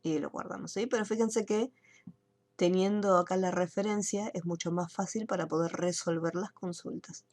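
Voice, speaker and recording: A woman runs an online computer class through screen sharing, walking through each step of the software and checking in with her students. Her voice is lowish and a little mellow, with a steady tone at a moderate pace.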